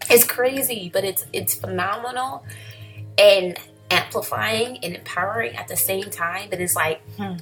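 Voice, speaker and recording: A woman's voice: mid-range voice, measured pace, a bit bright, soft background music, rough recording. A woman vlogging in a casual, enthusiastic way, rambling with lots of fillers. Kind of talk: casual vlog commentary.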